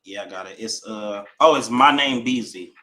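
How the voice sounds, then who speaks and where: A man in his twenties, calling into a dating stream, talking softly and trailing off with lots of fillers. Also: fairly low pitch, moderate pace. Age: 20s. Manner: trailing off, soft, hesitant. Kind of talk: casual chat.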